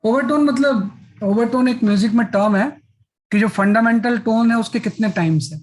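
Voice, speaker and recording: A man's voice: very high-pitched, moderate pace, rough recording. Man, physics teacher, classroom lecture, explains step by step, frequent check-ins. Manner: explains step by step, repeats filler "है ना".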